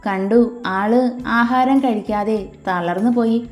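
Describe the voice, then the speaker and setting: A woman's voice: a little high, measured pace, natural voice. A woman voicing a protective, hot-tempered young man who answers firmly. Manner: firm, defiant. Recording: echoey room with soft music.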